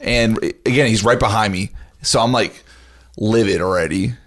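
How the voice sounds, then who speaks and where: A man's voice: fairly low pitch, moderate pace, a bit bright. A young man on a podcast telling blunt, profane stories in casual chat. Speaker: podcast co-host.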